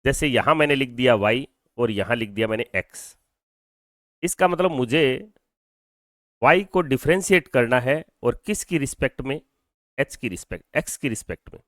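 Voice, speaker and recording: A man's voice: mid-range voice, animated, normal speed, fairly bright tone, no room sound, studio quality. A man teaching a physics class in Hindi mixed with English. He explains step by step, asks questions and answers them himself, and has the students repeat terms after him. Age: adult over twenty-two. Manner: mixes Hindi with English phrases. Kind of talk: classroom lecture.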